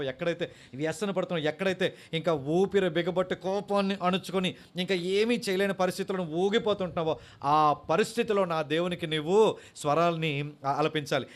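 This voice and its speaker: A male pastor, preaching and telling a story, with sung lines and English words mixed in. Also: a little high. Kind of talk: sermon.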